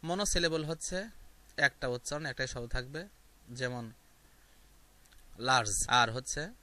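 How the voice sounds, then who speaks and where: A man's voice: mid-range voice, measured pace, bright, forceful tone. A man teaching an English grammar lesson, explaining step by step with repeated examples and hesitant fillers.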